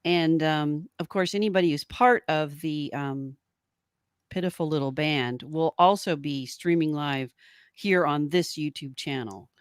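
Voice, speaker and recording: A woman co-hosting a podcast chats casually during a live stream, rambling informally with a giggly streak. Her low-pitched voice is smooth and unhurried. The recording is dry, with clean studio sound.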